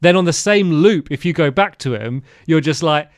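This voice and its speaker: Smooth-voiced man, rambling storyteller. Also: a little high, moderate pace, no echo, studio quality. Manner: rambling, animated storytelling with fillers. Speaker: podcast co-host. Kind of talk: casual game discussion.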